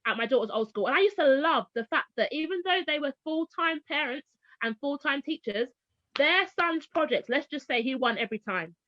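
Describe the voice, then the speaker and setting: A woman's voice: sits high, a little fast, no room sound. A woman in her thirties from Barbados, a former teacher telling stories in a casual interview and acting out the voices she quotes. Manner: animated storyteller, acts out quoted voices. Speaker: guest, former teacher now homeschooling parent. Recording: dull lo-fi sound, dry.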